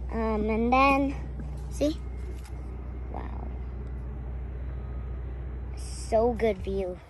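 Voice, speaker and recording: Young woman vlogger, unhurried, exclamatory, filmed on a phone on a noisy outdoor trail. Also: on the high side. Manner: chatty, exclaiming at sights. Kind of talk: casual hiking vlog. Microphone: handheld phone. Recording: outdoor phone audio with background noise. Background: outdoor ambience.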